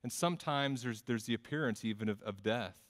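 A man's voice: mid-range voice, fairly quick, big-room sound. A man preaching a sermon in a church, in a conversational way with frequent stammered repeats and self-deprecating humor. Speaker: pastor.

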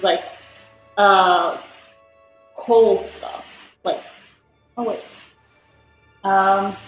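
A young woman from Turkey chatting casually while playing a cooking game, rambling with lots of fillers. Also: fairly high pitch. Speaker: gaming vlogger. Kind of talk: casual gameplay commentary. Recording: roomy, music underneath.

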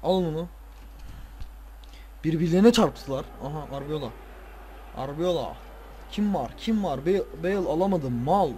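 A man's voice: on the high side, normal speed, long pauses, slight background noise. Tired man ranting over a football game. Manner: swears and rants at players, excitable outbursts. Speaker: gaming video creator. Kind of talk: casual football game commentary.

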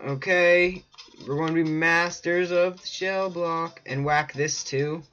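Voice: medium pitch, steady tone, takes it slowly, fairly bright tone. A let's play host chatting casually over gameplay and talking to the viewers in a playful way. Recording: muffled lo-fi mic with faint game music.

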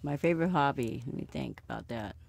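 A woman in her late forties from Sacramento, talking softly and thoughtfully as she answers personal questions in a recorded interview, with unhurried pauses. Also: rumbling low, expressive, vocal fry, no room sound. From Sacramento, California. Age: 40s. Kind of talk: casual personal conversation. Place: small recording booth.

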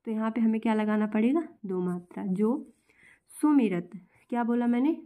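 Woman teacher, mellow voice a bit high, explains step by step and answers her own questions. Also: moderate pace. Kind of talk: classroom-style lesson.

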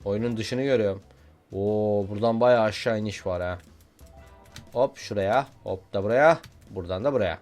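Excitable young man commentating a game. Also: lowish voice, normal speed, faint music behind. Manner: excitable, shouting and joking at the game. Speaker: gaming YouTuber.

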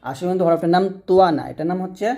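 A man's voice: high voice, rapid-fire, warm tone. A man teaching Arabic letter pronunciation, patiently repeating each sound and prompting listeners to say it after him. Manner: patient, repetitive drilling with call-and-repeat prompts. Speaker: Quran recitation teacher.

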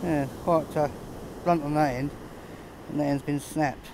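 A man talks through his finds on a pebble beach in a relaxed, understated way, with little chuckles as he goes. His voice sits a touch high. A faint outdoor hiss stays behind him on the handheld camera. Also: unhurried. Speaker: metal detecting vlogger. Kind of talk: casual running commentary while detecting. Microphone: camera held close, filming his hands.

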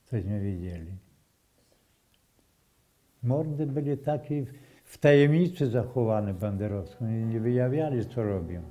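An older man speaking in a recalls what he witnessed. He talks slowly and haltingly, in a very dark, mellow voice. He often breaks off, restarts and repeats phrases. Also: lowish voice, lively intonation. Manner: slow, halting storytelling with restarts and repetitions. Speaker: eyewitness. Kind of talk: oral history testimony.

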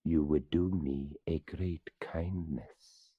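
A man's voice: low-pitched, very animated, slow, no room sound, phone-quality sound, pitched above the performer's own voice, heavily acted. A man voicing a courteous, formal old male skeleton in a storybook reading. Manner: formal, polite.

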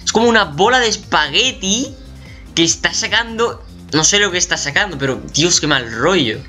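With soft music playing in the background, a man speaking Spanish with a Spain accent reacts casually to a game for his YouTube channel at a normal pace. His voice sits high, and he swears animatedly and lets out squeals of pretend shock.

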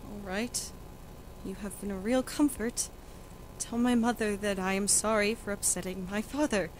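A woman's voice: mid-range voice, steady tone, moderate pace, a little hiss or hum, natural voice, low-quality recording. A young woman playing a desperate, defiant young noblewoman who pleads and protests emotionally. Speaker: student actor in a school reading.

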